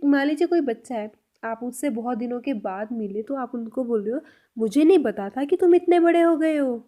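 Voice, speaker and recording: Leading a spoken language lesson, a woman addresses her audience head-on with patient, clear explanations. Her voice is fairly high and warm, and she slows down for each example sentence before repeating it.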